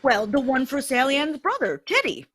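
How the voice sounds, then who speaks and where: A performer playing a jolly, chuckling old Santa Claus in a live reading of an old-time radio play. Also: female voice, high-pitched, sing-song, moderate pace, fairly bright tone.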